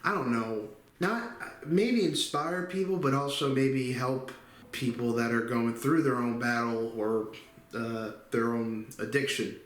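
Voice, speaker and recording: A man in his twenties talking candidly in a personal vlog, halting often with fillers. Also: mid-range voice, a little hiss or hum. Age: 20s. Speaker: channel host. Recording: echoey room.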